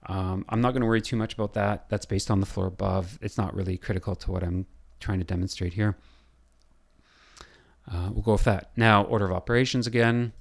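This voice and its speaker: The speaker, a building designer, guides listeners through a software design tutorial, reasoning aloud with many pauses and filler words. He has a low-leaning voice with a steady tone, worn hoarse and scratchy as if nearly gone.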